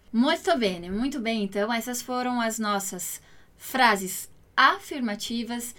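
A woman who grew up in Italy, giving a patient language lesson as a teacher and slowly spelling out example phrases. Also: high voice, a bit bright. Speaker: Italian teacher.

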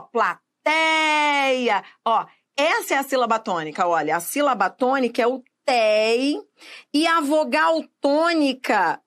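A woman teaching Portuguese grammar for exam prep, stretching words out and checking in with the viewer. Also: on the high side. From Brazil. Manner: didactic, drawn-out syllables, checks in with the viewer.

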